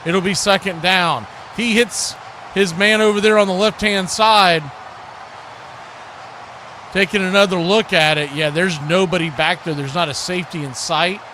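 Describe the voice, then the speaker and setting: With a high-pitched voice and a moderate pace, a man delivers folksy live football play-by-play for radio. He chats with his audience between plays and turns excitable during the big moments, with background noise clearly heard.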